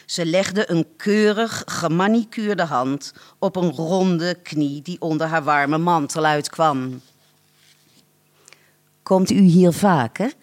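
A slow, deliberate storyteller reading a literary tale aloud. The narration is measured and unhurried, with a dry, ironic edge that lets details land without comment. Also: mid-range voice.

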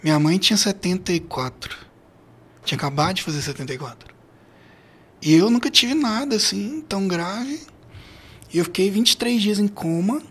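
Brazilian male, middle-aged, rough hoarse gravel in the voice, conversational storyteller for an interview. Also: high voice, animated, normal speed, pauses often. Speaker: podcast guest. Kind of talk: personal storytelling in a casual interview.

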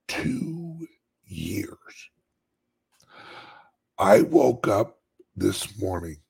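A man with a dry, scratchy voice like a smoker's rasp, chatting casually and haltingly to his viewers in a rambling way. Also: lowish voice. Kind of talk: casual live chat.

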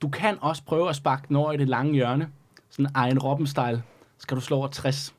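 A man's voice: mid-range voice, steady tone. A man co-hosting a tabletop football game, setting scenes like a sports commentator. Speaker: co-host, match narrator. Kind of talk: play-by-play game narration.

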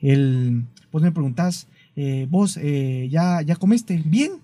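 A man's voice: fairly high pitch, animated, takes it slowly, dark tone, no room sound. A man from Guatemala with a Guatemalan Spanish accent, co-hosting a casual podcast in a playful, joking way. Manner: playful, laughs often. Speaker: podcast co-host.

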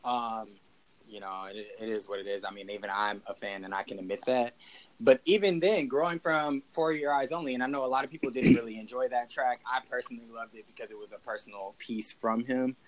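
Man, podcast co-host, casual hip hop debate, emphatic, rising bursts, mid pitch. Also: a little fast, low-quality recording.

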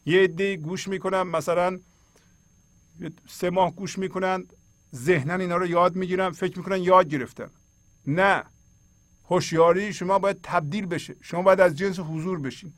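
A middle-aged man gives a spiritual lesson, reading lines of poetry and explaining them in plain everyday speech. His voice sits a little high for a man. He urges his listeners directly and earnestly, and the sound is close and dry, with no room echo. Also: steady tone. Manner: earnest, exhorting, speaks straight to listeners; colloquial, reads and explains verses. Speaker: host.

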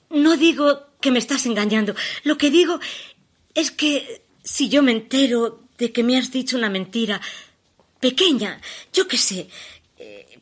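An actress performing a stage monologue as a desperate woman pleading with her departing lover by phone, halting and emotional, shifting between hushed pleas and urgent outbursts. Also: a little high, breathy edge. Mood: weary. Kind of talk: theatrical monologue.

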